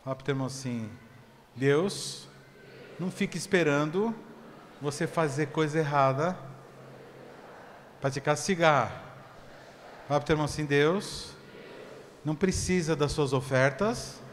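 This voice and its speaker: A man preaching a sermon as pastor, swinging from loud, stretched shouts to low, quick asides. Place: church hall. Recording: long church reverb, faint background noise.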